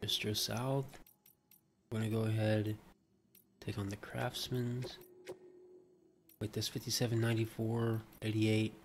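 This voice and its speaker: A man livestreaming a video game, casually thinking aloud in a low-key way as he plays. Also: level tone, measured pace, long pauses, a little hiss or hum. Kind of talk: casual play-by-play gameplay commentary. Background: faint game music.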